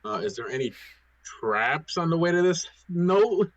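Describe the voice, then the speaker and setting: A man's voice: on the high side, big pitch swings, unhurried, no room sound. A man playing a tabletop game, speaking hesitantly and trailing off, with many fillers. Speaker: player. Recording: dry, dull lo-fi mic.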